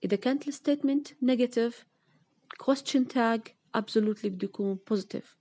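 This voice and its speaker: Lady explaining grammar, mixes in english terms, highish pitch. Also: dark tone. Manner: slow, stressed English example sentences with rising question tags.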